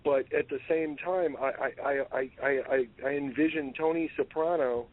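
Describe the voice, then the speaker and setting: Halting man on a tinny phone line. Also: medium pitch, fairly even intonation. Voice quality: halting, frequent restarts and fillers. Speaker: radio show co-host. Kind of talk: casual talk radio chat.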